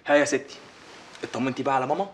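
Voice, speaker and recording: An actor playing a charming Egyptian newlywed. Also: male voice, mid-range voice, rapid-fire, slight background noise, natural voice. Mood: playful. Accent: Egyptian Arabic. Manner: flattering, playful. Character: young newlywed husband, charming.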